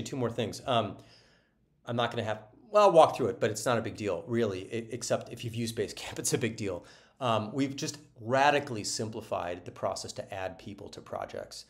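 A man giving a casual, upbeat screen-share walkthrough of a software product, talking loosely with many ums and restarts. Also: on the low side. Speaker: product presenter.

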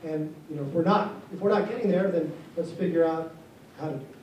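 A man's voice: fairly high pitch, muffled recording. Man answering at a town hall, echoey. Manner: measured, formal, plainspoken. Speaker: base commander at town hall. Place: large carpeted hall with seated audience. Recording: echoey hall from far off, faint noise.

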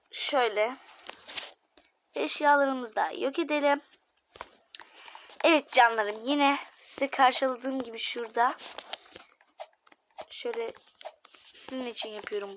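A woman with a high voice talks her viewers through a game she is playing. She takes her time, speaking at an unhurried pace. She is chatty and often slips into a whisper. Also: fairly bright tone, a little hiss or hum. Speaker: gaming YouTuber. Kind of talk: casual gaming commentary.

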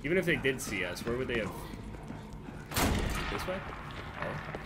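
Man commentating a game, widely swinging pitch. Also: sing-song, moderate pace. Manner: swears, mutters thoughts aloud to himself. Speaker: gamer playing and commenting on a horror game. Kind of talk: casual gameplay commentary. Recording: clear game noise behind the voice. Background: video game sound.

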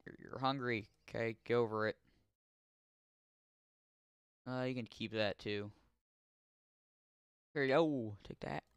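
A young man casually commenting on his gameplay, chatting to in-game characters and yelling curses when startled. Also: mid-range voice, normal speed, clear, resonant tone, no room sound. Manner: yells and swears when startled. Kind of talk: casual let's-play commentary.

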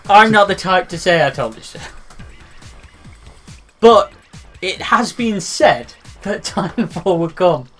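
A man's voice: high-pitched, measured pace, fairly bright tone, faint music behind. A man co-hosting a casual gaming podcast, rambling with lots of fillers and restarts and teasing his co-host. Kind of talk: casual chat.

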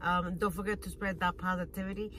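Sitting in her parked car, a woman vlogger in her thirties eats and chats through a food review shot on a phone at arm's length. She speaks briskly in a level, sharp voice on the low side, with smacking sounds and a little hiss or hum in the background.

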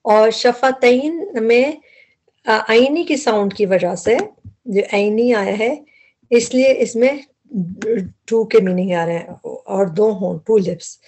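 A woman's voice: fairly high pitch, slow pace, a little mellow. A woman teaching a word-by-word Quran lesson, patiently explaining root words and repeating herself as she goes.

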